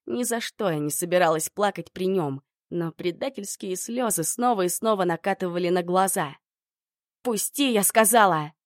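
Low-voiced woman narrating an audiobook. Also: no echo, clean studio sound. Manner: expressive, emotional. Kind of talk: first-person audiobook narration.

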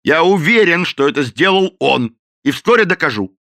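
A man voicing a loud, blustering, dim-witted police captain who barks and bullies. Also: mid-range voice, sing-song, a little fast, no room sound, studio quality, voice pushed up. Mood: bullying. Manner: barking, bullying, shouting.

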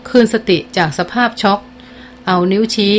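A woman reading a novel aloud as an audiobook narrator, in a steady storytelling manner that slows down for dialogue. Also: mid-range voice, slight background noise.

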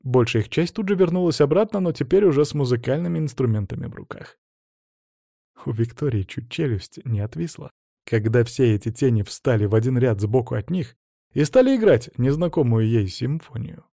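A man reading a novel aloud as narrator, in an even, steady storytelling manner. His voice is warm and mellow, recorded dry and close with no room sound. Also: mid-range voice, fairly quick, creaky, no echo. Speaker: audiobook narrator. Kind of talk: scripted narration.

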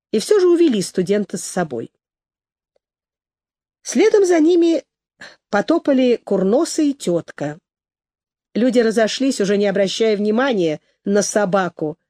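A woman reading a story aloud in an expressive, dramatic way. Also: medium pitch, dry recording, clean studio sound. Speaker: narrator. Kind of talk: audiobook reading.

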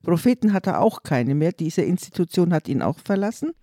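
A woman co-host explains the background calmly in a dark, mellow voice. The recording is close and dry. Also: fairly low pitch, fairly quick, slightly rough, no echo. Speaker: podcast co-host. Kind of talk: explanatory casual chat.

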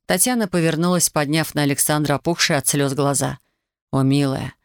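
A narrator reading an audiobook in an intimate, unhurried way. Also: medium pitch, steady tone, no echo, clean studio sound.

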